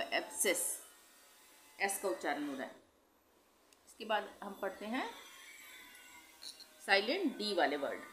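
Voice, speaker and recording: A woman's voice: medium pitch, a bit bright, slight background noise. Hindi-speaking woman teaching pronunciation. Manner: spells words letter by letter, repeats them slowly, corrects her own slips. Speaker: English teacher. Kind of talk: classroom-style lesson explaining pronunciation.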